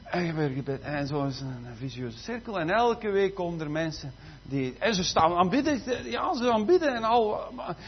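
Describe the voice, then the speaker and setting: High-voiced preacher. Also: male voice, animated, normal speed. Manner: swings between soft asides and loud emphatic preaching. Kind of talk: sermon. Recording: slightly muffled, faint background noise.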